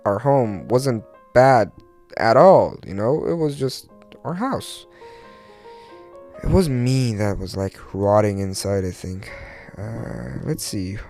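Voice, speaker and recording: A man's voice: lowish voice, gravelly, a little mellow. A young man with a Turkish accent and imprecise R and L sounds, rambling casually and hesitantly on a solo podcast in English as a non-native speaker. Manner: rambling, hesitant, searching for words, mild swearing. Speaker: podcast host.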